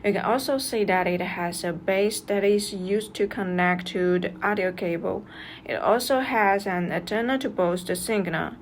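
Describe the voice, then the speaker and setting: A woman narrates a scripted product review, walking through instructions step by step in a medium-pitched voice at normal speed, with slight background noise.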